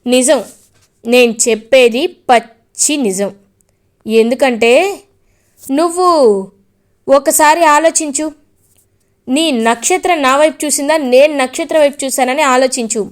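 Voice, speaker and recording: A woman puts on a defiant young man in a serial recap. He talks back with taunting insistence, his voice pitched high and light. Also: unhurried, long pauses.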